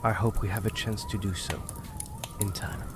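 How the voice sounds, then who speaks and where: This old-time radio drama has a man lightly acting as Walter Markham, an earnest young farmer who politely asks a father for his daughter's hand. His voice is on the low side and steady in tone, at normal speed, against a noisy background.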